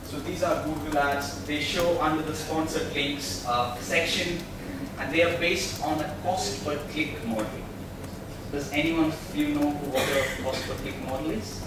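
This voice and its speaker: At a podium in a big meeting room, a man gives an explanatory tech meetup talk and asks listeners questions along the way. His fairly high-pitched voice moves at a measured pace. The echoey, noisy audio comes from a camera mic placed far away.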